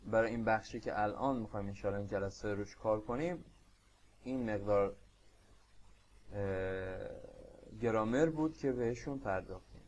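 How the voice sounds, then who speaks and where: A Persian-accented man teaching a beginner language lesson, explaining patiently and repeating phrases slowly. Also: fairly low pitch, darkish tone, highs cut off, a little hiss or hum. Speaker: Spanish teacher.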